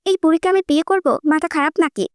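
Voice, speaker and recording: A woman's voice: extremely high pitch, fairly even intonation, quick pace. A woman voicing a grumpy, stubborn old grandfather in an audiobook story, speaking in a peevish, scolding way. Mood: grumbling.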